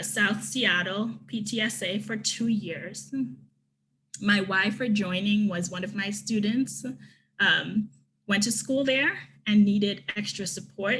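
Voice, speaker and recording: A woman from Trinidad, her voice medium-pitched and a bit bright, presents an online conference workshop. She earnestly reads out participants' comments and responds to each, on a low-quality recording with slight background noise.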